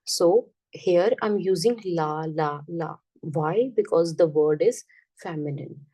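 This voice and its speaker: A woman teaching a French lesson, repeating each word slowly and often checking that the class understands. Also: lowish voice, mellow, far from the mic, low-quality recording. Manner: patient, checks understanding with "got it?".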